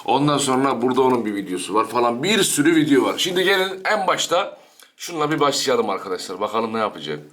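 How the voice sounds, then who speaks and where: A man's voice: medium pitch, very animated, fast talker, noisy background. A man, chatting casually to viewers in a home vlog while teasing and scolding his dog. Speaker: dog channel vlogger.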